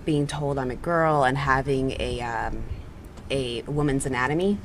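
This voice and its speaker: A teenage young man with a boyish, cracking voice, talking candidly and haltingly about himself as a talk show guest. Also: mid-range voice, very noisy. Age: teens. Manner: halting, informal, self-deprecating.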